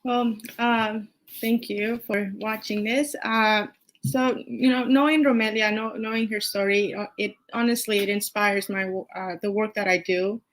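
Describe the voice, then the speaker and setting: A woman's voice: medium pitch, fairly even intonation, measured pace. A woman caseworker giving an introductory speech, hesitant and full of filler words. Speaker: immigration caseworker.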